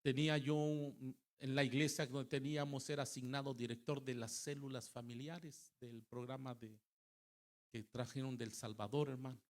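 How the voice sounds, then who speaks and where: A middle-aged man preaching a sermon at a church service. He tells a story dramatically, moving from loud emphatic calls to quiet recounting. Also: medium pitch, level tone, normal speed. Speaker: pastor. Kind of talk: Spanish-language sermon with storytelling.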